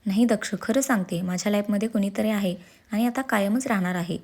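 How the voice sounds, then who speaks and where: Woman doing a young wife, storybook, mischievous, sly teasing delivery, mellow voice. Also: medium pitch, a little fast, close to an everyday voice. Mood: serious. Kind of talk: storybook character reading.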